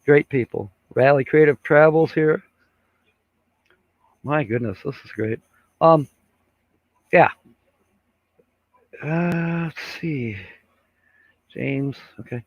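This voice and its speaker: Slow and marked by long pauses, the fairly high voice of an older man leads a casual live stream. He rambles and chuckles through viewer comments with many fillers. No room sound is present, but the recording is dull and lo-fi.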